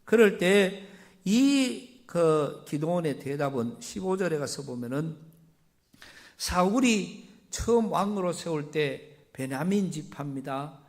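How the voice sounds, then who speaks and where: Animated high-voiced Korean pastor, Gyeongsang accent. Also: male voice, slow. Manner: animated preaching, swinging between loud emphasis and quiet asides; reads scripture and retells it in plain everyday words. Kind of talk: sermon.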